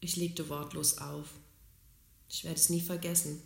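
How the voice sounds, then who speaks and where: A woman calmly and earnestly telling her own life story in a reflective way. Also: sits low, measured pace, creaky. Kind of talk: personal storytelling. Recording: roomy, echoey recording.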